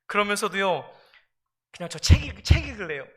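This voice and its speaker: A man's voice: sits high, big pitch swings, a little fast, fairly bright tone. A male pastor preaching a sermon, speaking emphatically, repeating his phrases and addressing the congregation directly.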